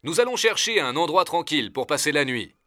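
A man's voice: on the high side, very animated, fairly quick, pushed and bright, no echo, clean studio sound, voice pushed up. A man doing a commanding expedition doctor. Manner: urgent, giving orders. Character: commanding male doctor, expedition leader, decisive. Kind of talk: storybook reading.

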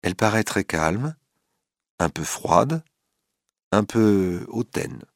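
Man, narrator, storybook reading, animated pitch, dry close recording. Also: takes it slowly, no echo. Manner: expressive, dramatic reading.

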